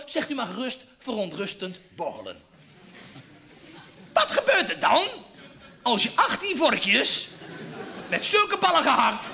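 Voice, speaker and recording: Brief: manic, crude male stand-up comic, very high voice, live stage recording with audience laughter. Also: creaky, sharp tone, slight background noise. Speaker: stand-up comedian. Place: theatre stage before an audience.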